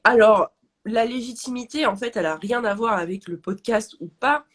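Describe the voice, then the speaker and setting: Speaking at a moderate pace in a slightly high, fairly bright voice, this female business coach talks animatedly and casually on a live stream. Her nasal tone carries her thoughts on confidence and finding the courage to speak up.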